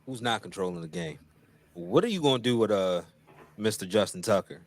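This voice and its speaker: A man's voice: lowish voice, expressive, a little fast. A man in a casual sports talk, wry and joking.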